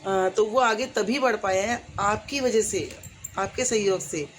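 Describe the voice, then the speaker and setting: A woman's voice: medium pitch, a little slow, faint music behind. Earnest woman vlogger talking to viewers. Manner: earnest, heartfelt, rambling with many fillers. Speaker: YouTuber. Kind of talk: casual talk to viewers.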